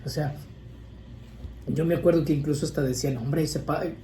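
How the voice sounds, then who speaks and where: Mellow-voiced priest preaching in an echoey room. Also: male voice, a little high, steady tone, fairly quick. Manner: conversational, rambling with restarts and asides. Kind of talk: informal sermon on prayer. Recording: echoey room with faint ambient noise.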